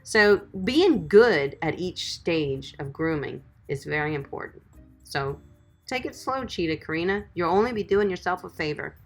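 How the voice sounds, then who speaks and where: Over soft background music, a woman dog groomer with a lowish, lively voice chats on a livestream at a moderate pace. She reads viewer comments and offers friendly, encouraging advice, calling people "sweetie" and "guys."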